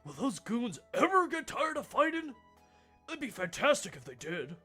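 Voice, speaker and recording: A woman's voice: on the high side, very animated, moderate pace, sharp tone, breathy edge, faint music behind, pitched above the performer's own voice, full character voice. A woman voicing a weary, complaining downtown slum dweller as she reads game dialogue. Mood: grumbling. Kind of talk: video game dialogue read aloud by a streamer.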